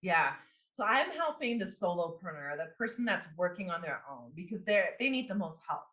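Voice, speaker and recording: A woman in her forties with an immigrant background, a business coach and marketing executive, rambles through a casual interview as a guest, full of fillers and restarts. Her lowish voice is bright and forward, swinging widely in pitch at a moderate pace, and the room echo is noticeable.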